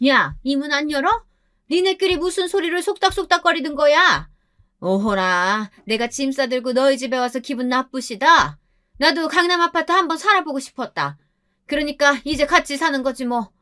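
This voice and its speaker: A woman voicing a pushy, scheming older mother-in-law who talks in a shrill, bossy, whining way in a storybook reading. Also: normal speed, bright, forceful tone. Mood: taunting.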